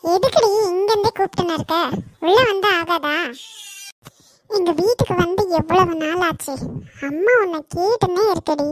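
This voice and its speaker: A woman's voice: extremely high pitch, moderate pace, no echo. A woman voicing Kani, a caring, outspoken young woman friend in a cartoon, with a Kanyakumari Tamil accent and a fussing, protective manner. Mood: welcoming.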